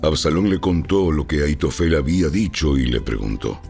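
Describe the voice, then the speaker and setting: A man with an extremely low voice narrates scripture in a booming, solemn way. His delivery is scripted and dramatized, swinging expressively in pitch, with music underneath. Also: animated, fairly quick, creaky, a little mellow. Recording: music behind.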